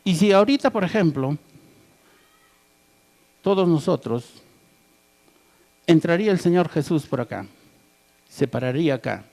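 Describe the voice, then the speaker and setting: A man's voice: on the high side, animated, a little slow, creaky, long pauses, a little mellow. A male pastor preaching a sermon, asking the congregation questions and tagging his points with "right?" and "amen". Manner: asks the congregation rhetorical questions, tags "¿verdad?" and "amén".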